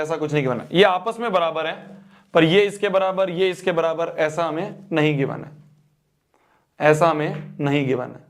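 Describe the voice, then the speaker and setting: A young man teaching a math exam-prep lesson, repeating phrases and checking that students follow. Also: a little high.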